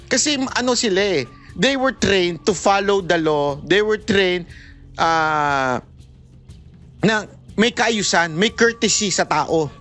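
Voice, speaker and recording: Bright-voiced laughing vlogger man. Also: sits high, slow pace, faint music behind. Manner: mixes Tagalog and English, laughs often, animated retelling. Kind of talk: casual commentary storytelling.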